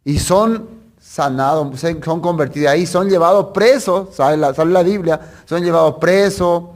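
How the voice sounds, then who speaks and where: A man's voice: fairly high pitch, moderate pace. A man preaching a sermon that teaches through a Bible passage in a conversational way. He asks rhetorical questions and corrects himself as he goes.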